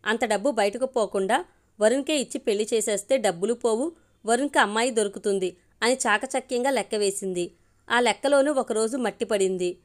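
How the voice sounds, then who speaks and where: A woman reading a family story aloud, voicing the characters' dialogue in her own voice. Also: on the high side. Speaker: narrator.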